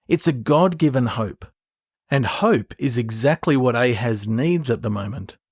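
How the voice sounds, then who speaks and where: A man at a middle pitch talks through a Bible passage in an earnest, explanatory way, like a prepared podcast teaching. His voice sounds close and dry, with no room around it. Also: animated, a little slow, slightly rough, no echo. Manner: earnest, explanatory, reads scripture aloud. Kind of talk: scripted Bible teaching narration.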